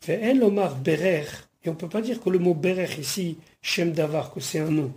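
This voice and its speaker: A man's voice: fairly high pitch, normal speed, darkish tone. A man teaching the weekly Torah portion. He reads Hebrew phrases, then patiently translates and explains them, dwelling on grammar points. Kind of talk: verse-by-verse Torah study lesson.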